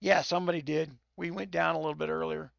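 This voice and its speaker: A hoarse, tipsy man hosts a live game stream, rambling and swearing through restarts. His voice sits high and is heavily gravelly. The audio is dull and dry, like a lo-fi stream mic. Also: steady tone, fast, no echo. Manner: rambling and profane, with many restarts. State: tipsy from whiskey. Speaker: game livestreamer.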